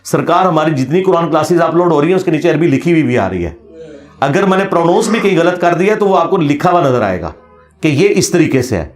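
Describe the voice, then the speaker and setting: A man giving an impassioned religious lecture, forceful and challenging, reciting Arabic phrases slowly. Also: a little high, animated, roomy sound, faint music behind. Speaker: religious speaker.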